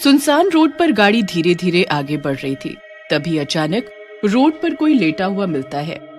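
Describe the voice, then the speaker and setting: A woman giving scripted narration of an animated horror story in a steady, dramatic manner. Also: fairly low pitch, measured pace, soft background music.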